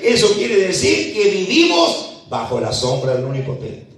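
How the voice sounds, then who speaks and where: A man with a high voice preaches a sermon and leans hard into the scripture he retells, often building up to a shout. He sounds some way from the mic, and the church around him rings with a heavy echo. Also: wildly swooping pitch, a little hiss or hum. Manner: rises to shouting when retelling scripture, slow emphatic reading. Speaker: pastor. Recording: echoey church hall, mic at a distance.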